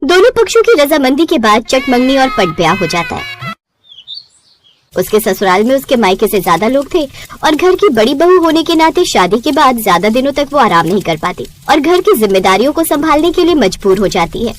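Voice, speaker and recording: A woman's voice: sits high, big pitch swings, fairly quick. A woman giving scripted narration for a cartoon story.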